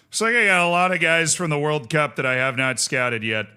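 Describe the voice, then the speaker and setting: A man hosting a casual gaming livestream, chatting playfully with viewers and giving exclamatory, jokey shout-outs. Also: on the high side, animated, fairly quick, smooth. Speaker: live streamer host.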